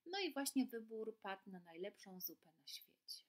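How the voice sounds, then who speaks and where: A woman reading a children's storybook aloud in a gentle, soothing way, then talking casually about it. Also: a little high, sing-song, moderate pace, poor audio. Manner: gentle, soothing, with filler sounds. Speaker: workshop leader. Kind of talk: storybook narration.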